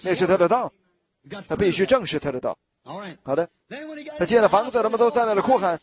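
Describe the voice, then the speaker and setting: A man's voice: high voice, animated, quick pace. A man preaching a sermon, retelling a scripture story vividly and acting out its scenes.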